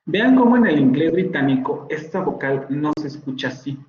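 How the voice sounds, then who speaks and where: A man's voice: on the high side, animated, moderate pace, roomy sound, highs cut off, a little hiss or hum. A man, a university professor giving an online phonetics lecture and patiently repeating words to model their sounds.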